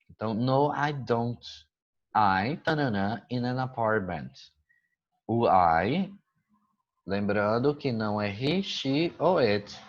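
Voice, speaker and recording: A man's voice: on the low side, dull audio. A man who teaches English, patiently explaining a school exercise and often stopping to check that his students follow. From Brazil.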